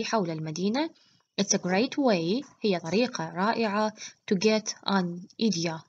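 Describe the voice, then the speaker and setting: A woman teacher with an Iraqi accent explains a lesson patiently, pausing often with hesitant fillers. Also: mid-range voice, husky. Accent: Iraqi Arabic. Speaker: English teacher. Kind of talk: bilingual classroom lesson. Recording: dull lo-fi recording.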